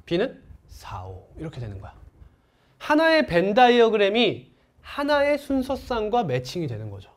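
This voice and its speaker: A man's voice: high voice, huge pitch swings, a little slow. A male math teacher giving a classroom lecture, who keeps asking the class questions and then answers them himself.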